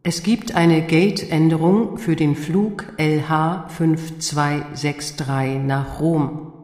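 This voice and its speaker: A woman reading airport announcements slowly and formally for a listening exercise. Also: low-pitched, steady tone, darkish tone. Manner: formal, clearly enunciated. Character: calm female airport announcer, adult. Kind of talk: slow scripted public announcement. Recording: reverberant hall-like echo.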